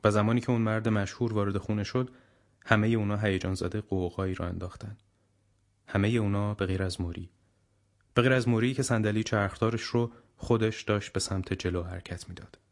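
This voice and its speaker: A man narrates an audiobook in a low voice. His delivery is steady and measured, the even pace of a careful storyteller reading aloud.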